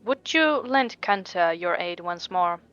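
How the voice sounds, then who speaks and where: A woman's voice: on the low side, expressive, a little slow, fairly bright tone, soft background music, pitched below the performer's own voice. A woman reading a formal, earnest official. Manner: earnest, stiff reading of game dialogue with stumbles. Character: formal, grateful official asking heroes for aid. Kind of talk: reading game dialogue aloud. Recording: dull lo-fi mic.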